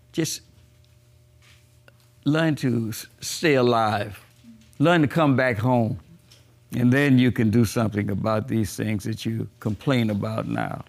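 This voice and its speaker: Born in the Bahamas and now in his eighties, this man reflects on his life story at an unhurried pace during an oral history interview. He speaks with a creaky, mid-range voice.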